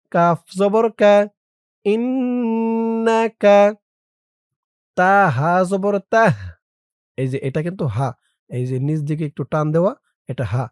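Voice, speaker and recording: A teacher spelling out an Arabic prayer word by word for viewers, stretching the recited words slowly and explaining quickly in between, addressing listeners directly. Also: mid-range voice, darkish tone, smooth, dry recording, clean studio sound. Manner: slow drawn-out recitation, quick plain explanations.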